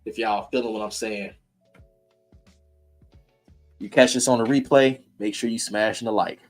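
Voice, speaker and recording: A man's voice: on the low side, fairly even intonation, normal speed, soft background music. A man hosting a casual streamed talk, blunt and preachy, in heated street slang. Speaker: host.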